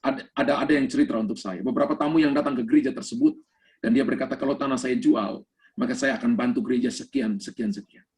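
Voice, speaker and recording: Speaking fast in a medium-pitched, somewhat dark voice, this Indonesian-accented pastor gives a sermon by video call. His delivery is forceful and story-driven, with English phrases mixed in.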